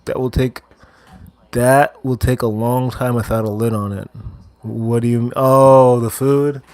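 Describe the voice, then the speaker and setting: Cooking on a casual livestream, a host from Wheaton, Illinois, USA, goes through viewer comments one at a time, reading them out and replying in a laid-back way from his indoor kitchen. His voice is medium-pitched and a little slow, with no echo.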